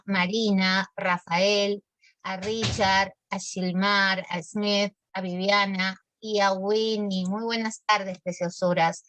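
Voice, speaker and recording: A woman teaching a live online grammar class, her voice sitting a little high. She explains step by step, keeps asking whether the pupils follow, and calls them by pet names. The sound is close and dry, with no room around it. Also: a bit bright, no room sound. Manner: explanatory, affectionate with pupils, checks understanding often. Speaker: language teacher.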